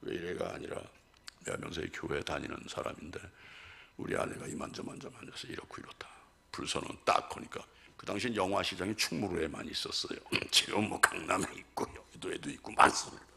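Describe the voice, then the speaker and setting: An older male pastor giving a testimony sermon, telling stories animatedly and acting out conversations, swinging from loud exclamations to hushed asides. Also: low-pitched, brisk, gravelly, husky. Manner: animated storytelling, voicing his wife and others in dialogue.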